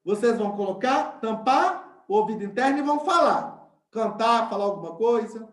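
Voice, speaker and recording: A man's voice: sits high, animated, moderate pace, reverberant. A male science teacher, giving an online class and explaining step by step while often checking in with his students.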